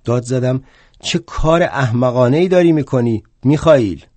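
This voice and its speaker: Speaking at a fairly low pitch and with animation, an older man plays a proud and indignant aging revolutionary thinker in a one-man play. He relates his story wryly, then flares up into indignant shouts; the recording is dry.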